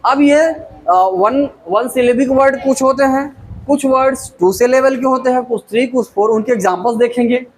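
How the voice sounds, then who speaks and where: A man teaching a language lesson, stretching out each example word slowly and repeating it for pronunciation. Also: extremely high pitch, poor audio. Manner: slow, drawn-out word-by-word pronunciation drills. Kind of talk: spoken English lesson.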